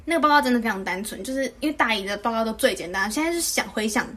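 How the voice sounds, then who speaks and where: A young woman in her twenties with a Taiwanese Mandarin accent, co-hosting a podcast and venting in animated casual chat. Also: fairly high pitch, rapid-fire. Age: 20s. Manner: animated, venting, mimics others. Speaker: podcast co-host.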